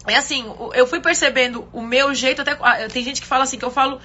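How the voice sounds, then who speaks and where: A middle-aged woman pastor talks loudly and forcefully in a casual devotional chat. Her voice sits high and sounds bright and sharp. The recording is a little dull and lo-fi. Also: steady tone, quick pace.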